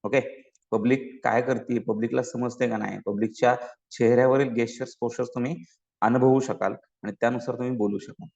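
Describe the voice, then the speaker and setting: Gravelly Marathi-accented man teaching. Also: mid-range voice, steady tone, fairly quick, a little mellow. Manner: explains with a story, asks "ok?" often, mixes in English. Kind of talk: soft skills lesson. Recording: dull sound with long reverb.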